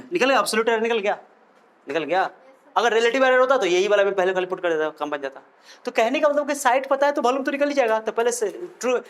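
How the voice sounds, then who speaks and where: With a high, somewhat bright voice, a male physics teacher walks through problems, keeping the mood playful. He cracks jokes, teases the students and puts questions to them.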